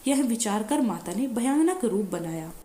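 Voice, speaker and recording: A woman reading a devotional fasting story in a steady recital. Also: a little high, reverberant.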